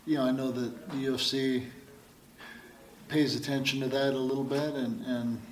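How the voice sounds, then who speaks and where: A male fighter answers questions slowly and haltingly, filling gaps with fillers and repeated words. He sounds far from the mic in a roomy space. Faint background noise sits behind him. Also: medium pitch, level tone. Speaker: fighter being interviewed. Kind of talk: casual interview answers. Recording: echoey and distant with faint noise.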